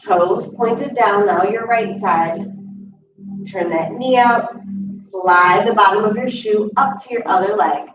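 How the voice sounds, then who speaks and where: A young adult woman guiding a chair yoga class, calmly cueing each step and slowing down to hold the poses. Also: mid-range voice, over music. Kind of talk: guided exercise instruction. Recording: distant, roomy, dull audio with steady background noise.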